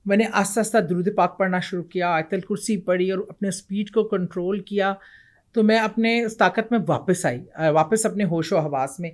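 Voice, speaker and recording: A middle-aged woman from Pakistan recounts a ghost story as an interview guest. She tells it vividly, acting out voices and quotes as she goes. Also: mid-range voice. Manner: animated, vivid retelling with acted quotes.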